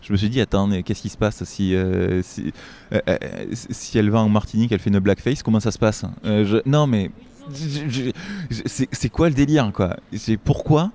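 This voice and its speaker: A man's voice: lowish voice, moderate pace, warm tone. A man hosting a film review show, chatting casually in an indignant, rambling way with many restarts. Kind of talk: casual chat.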